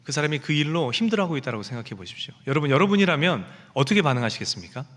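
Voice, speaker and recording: Korean pastor's lively sermon in a reverberant church. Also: male voice, a little high, rapid-fire. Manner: storytelling, acting out quoted speech. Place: church sanctuary.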